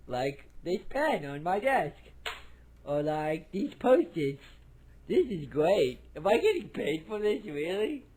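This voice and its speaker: A man voicing a bumbling male phone salesman who gives a clueless, chipper cartoon sales pitch. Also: darkish tone, full character voice. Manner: chipper salesman patter, making noises. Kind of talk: cartoon answering machine message.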